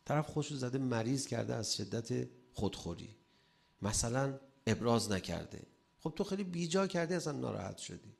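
A man delivering a religious sermon. He asks rhetorical questions and adds playful humor, swinging between loud emphasis and soft asides. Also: mid-range voice, expressive, creaky. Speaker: preacher.

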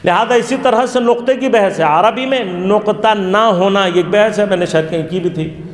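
A man teaching an interactive religious lesson to a class. He poses questions to his listeners and then answers them himself. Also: high-pitched. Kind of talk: interactive lecture. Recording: echoey hall with long reverb.

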